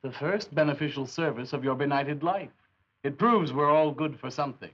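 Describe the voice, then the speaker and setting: An actor playing a pompous, sardonic beatnik poet, grandiloquent and withering, in 1950s film style. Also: male voice, fairly high pitch, normal speed, fairly bright tone. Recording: dull, faintly noisy 1950s film soundtrack.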